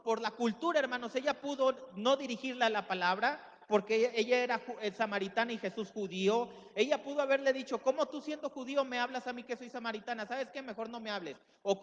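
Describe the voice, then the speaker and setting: A man giving a sermon as pastor, preaching with emphatic rises and acting out quoted voices. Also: extremely high pitch. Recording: dull sound with long hall reverb.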